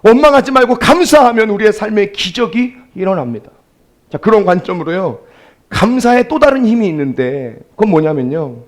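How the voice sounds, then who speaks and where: A male pastor preaching a sermon, shifting between soft storytelling and loud, emphatic exclamations, asking the congregation rhetorical questions. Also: sits high. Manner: addresses congregation directly, asks rhetorical questions.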